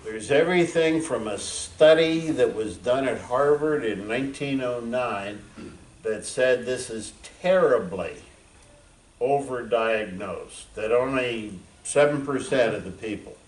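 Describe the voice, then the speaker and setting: A man in his seventies, a veteran, giving a frank, reflective talk to an audience with many pauses and fillers. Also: medium pitch, recorded from a distance. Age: 70s. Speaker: veteran speaker. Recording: echoey room, voice from afar.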